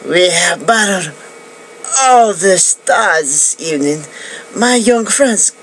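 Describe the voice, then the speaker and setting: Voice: medium pitch, animated, slow, fairly bright tone, a little hiss or hum, pitched above the performer's own voice, rough recording. A speaker voicing a charming, theatrical young male waiter with an accent in a class reading.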